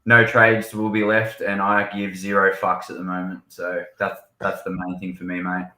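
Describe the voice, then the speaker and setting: Laid-back aussie bloke, bright voice, roomy echo. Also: male voice, low voice, completely flat delivery, moderate pace. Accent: Australian. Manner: laid-back, blunt, swears freely. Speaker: regular panelist. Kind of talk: casual chat.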